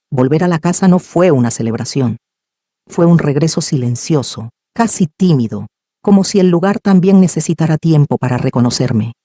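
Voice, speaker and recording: A man narrating a first-person story in a calm, measured, reflective way, in short phrases with pauses. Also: on the high side, no room sound, clean studio sound.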